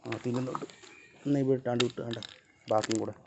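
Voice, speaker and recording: A man's voice: medium pitch, little pitch movement, quick pace, gravelly. A man vlogging casually, talking to his dog and cat in a coaxing, scolding way, outdoors at home. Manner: talks to animals in a coaxing, scolding way. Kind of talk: casual chat to pets and camera. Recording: dull lo-fi sound with faint noise.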